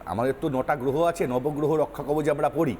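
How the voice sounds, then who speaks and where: A male party spokesman with a high voice argues in a heated televised debate. He is defiant and insistent and repeats his points over the anchor. A long reverb hangs on his voice. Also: brisk, darkish tone, a little hiss or hum.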